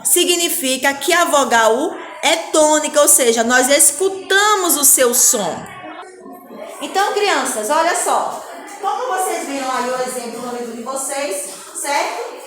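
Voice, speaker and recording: A woman teaching young children a phonics lesson, speaking slowly and patiently with a Brazilian Portuguese accent and often asking the children whether they agree. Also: high-pitched, pushed and bright, echoey room, low-quality recording. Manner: slow, patient, spells out sounds. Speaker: primary school teacher. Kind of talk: recorded classroom lesson.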